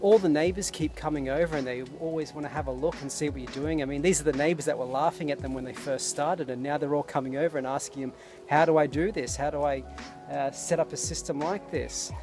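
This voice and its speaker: Outdoors at a desert garden site, a vlogger who is also a permaculture intern talks casually and earnestly to camera, reflecting with enthusiasm. His voice is fairly high and he speaks fast, with loud music playing behind him.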